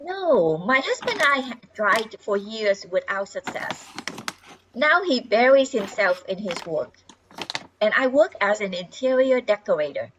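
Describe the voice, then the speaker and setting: In an amateur radio comedy, an older woman plays a polite, confident housewife in her thirties who has just moved into the neighborhood. Her husky, genteel voice sits at medium pitch and comes across very animated yet matter-of-fact, delivered a little slowly. The audio is slightly dull, with background noise.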